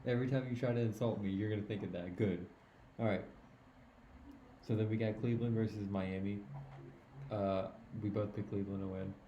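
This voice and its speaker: Low, mellow male co-host with trash-talking banter, muffled sound in an echoey room. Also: steady tone, fairly quick, pauses often, a little hiss or hum. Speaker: podcast co-host. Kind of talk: casual sports chat.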